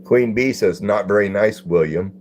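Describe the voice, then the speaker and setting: A man's voice: on the low side, normal speed, a little mellow, slight background noise. An older man hosting a live stream, chatting in a folksy way and greeting viewers by name as he reads their comments. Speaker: livestream host. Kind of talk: casual live-stream chat reading comments.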